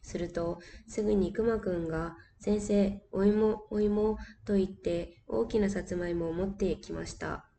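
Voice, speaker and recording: A woman reading a story aloud to children in a calm, clear and gentle way. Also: mid-range voice. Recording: distant mic with faint hiss.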